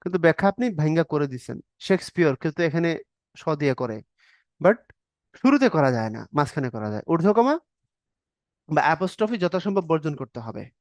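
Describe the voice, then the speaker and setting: A man's voice: fairly high pitch, sing-song, a little fast, pauses often, dry recording. Man teaching grammar in a dry recording. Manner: explains step by step, acts out short example dialogues, checks in with "okay?". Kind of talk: exam-prep grammar lesson.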